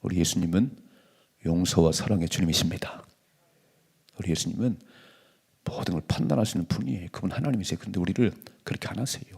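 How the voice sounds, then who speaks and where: A man's voice: sits low, quick pace, gravelly, long pauses, darkish tone, breathy edge. A male pastor preaching a dawn sermon in a colloquial, emphatic way, sometimes dropping to a whisper. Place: church sanctuary.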